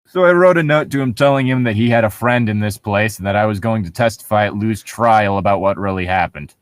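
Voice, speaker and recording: A low-voiced male co-host mocks a story as he reads it aloud, speaking a little fast with casual sarcasm and occasional swearing. There's no echo.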